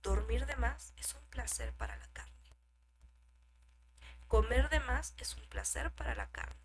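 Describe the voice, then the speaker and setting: A woman preaching a sermon, asking rhetorical questions and swinging from loud emphasis to hushed whispers. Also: on the high side, huge pitch swings, measured pace, slight background noise.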